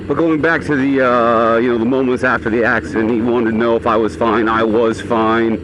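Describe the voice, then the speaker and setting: A man with a mid-pitched voice speaks from inside a motorcycle helmet while riding. His delivery is casual and rambling, like an offhand vlog. Clear engine, wind and traffic noise runs behind his voice. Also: level tone, brisk. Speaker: motorcycle vlogger.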